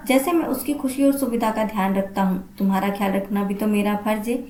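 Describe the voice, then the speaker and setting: A gentle, kind old father-in-law from a spoken family storybook, as a woman narrator voices him. He talks softly and affectionately, with no real lowering of the voice. The room around the voice is noticeably echoey. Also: fairly even intonation, brisk, natural voice. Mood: tender. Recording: roomy echo.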